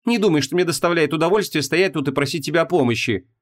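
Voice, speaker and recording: A man reading an audiobook, voicing a brash, impatient young woman apprentice mage with a raised pitch. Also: lively intonation, moderate pace.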